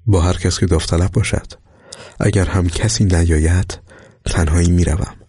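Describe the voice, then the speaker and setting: A man's voice: low voice, breathy edge, no room sound, studio quality. A man voicing a resolute young soldier. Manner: calm, resolute, speaks quietly. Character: determined young male soldier volunteer.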